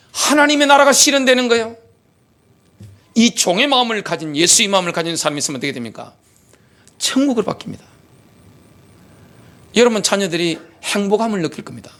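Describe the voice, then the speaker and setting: A man's voice: high-pitched, fairly bright tone. A middle-aged man, a pastor, preaching a sermon animatedly with many rhetorical questions. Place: church sanctuary.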